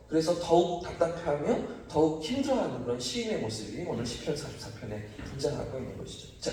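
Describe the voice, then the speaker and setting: A man's voice: fairly high pitch, a little hiss or hum. A man preaching as pastor at a dawn prayer service, asking rhetorical questions and rising to emphatic cries. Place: church sanctuary. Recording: distant mic, heavy church echo.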